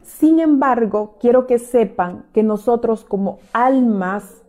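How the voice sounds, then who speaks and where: A woman's voice: a little high, slow, mellow. A woman leading a live-streamed emotional coaching talk, reading out viewer comments and pressing her audience with repeated, intense questions.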